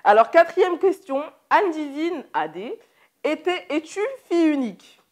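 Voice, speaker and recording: A young woman from France co-hosting a casual question-and-answer chat with her father, leading the questions in a lively way. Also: high-pitched, normal speed. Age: young adult. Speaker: co-host.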